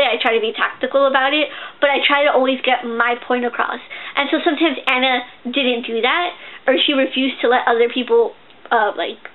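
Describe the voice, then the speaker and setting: A young woman casually reviewing a book, chatty and gushing, with lots of fillers and restarts. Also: high-pitched. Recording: tinny, phone-like sound.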